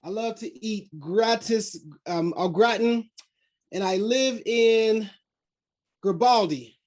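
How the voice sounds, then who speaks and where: A man with a high voice answers playfully over a video call, drawing his words out. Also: takes it slowly, darkish tone. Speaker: workshop participant.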